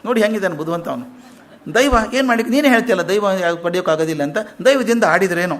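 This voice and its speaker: Guy telling epic stories to a hall, animated and emphatic, high-pitched. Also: rapid-fire. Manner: animated, emphatic, acts out quotes. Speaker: public speaker. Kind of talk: storytelling discourse on an epic. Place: lecture hall.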